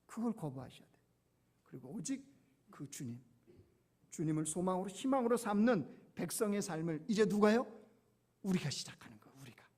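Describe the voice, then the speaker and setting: A male pastor preaching a sermon, dropping to hushed low phrases and rising to loud, urgent appeals with rhetorical questions to the congregation. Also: sing-song, fairly quick, pauses often, breathy edge.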